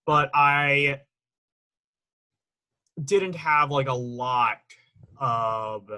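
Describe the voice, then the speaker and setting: A man's voice: mid-range voice, very slow, bright, forceful tone, rough recording. A young man co-hosting a casual music review chat, rambling a little and hedging his takes with "in my opinion.". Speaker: podcast co-host.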